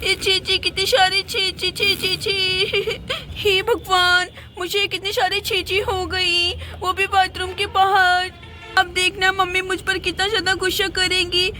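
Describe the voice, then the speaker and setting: A woman's voice: extremely high pitch, level tone, measured pace, sharp tone, exaggerated voice. A woman voicing a whiny little girl in a doll play, sobbing and pleading. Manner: whining, sobbing.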